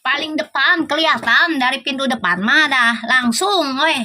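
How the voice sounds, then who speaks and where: Middle-aged female live-stream host, Sundanese-flavored Jakarta accent, high voice, teasing banter. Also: normal speed, sharp tone. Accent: Sundanese-flavored Jakarta Indonesian. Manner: teasing, laughing, playful banter. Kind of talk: casual live-stream chat with viewers.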